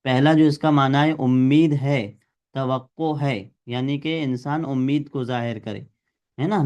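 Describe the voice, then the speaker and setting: A man's voice: mid-range voice, darkish tone, clear, resonant tone. A male teacher giving a classroom grammar lesson, explaining step by step and quizzing his students.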